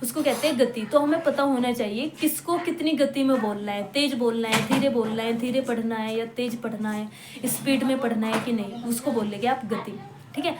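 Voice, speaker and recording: A woman with a fairly high voice teaches a lesson in a patient, step-by-step way. She repeats example words slowly and keeps checking in with her listeners. The room is echoey, with a faint hum behind her. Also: fairly even intonation. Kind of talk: classroom-style lecture.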